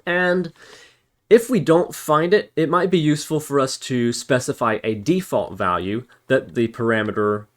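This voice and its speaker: Medium in pitch and moderate in pace, this male programming instructor talks through a casual screencast tutorial while typing, thinking aloud step by step. Behind him there's steady hiss along with keyboard typing and mouse clicks.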